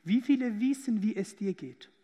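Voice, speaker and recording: A man's voice: high-pitched, animated, normal speed, warm tone, long reverb tail. A man from Iran preaching a sermon as pastor, earnest and conversational with small hesitations.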